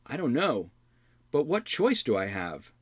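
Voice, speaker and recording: A man's voice: medium pitch, huge pitch swings, a little slow, husky, pitched above the performer's own voice, full character voice. A man voicing a wounded young male bard who speaks earnestly in a raised voice.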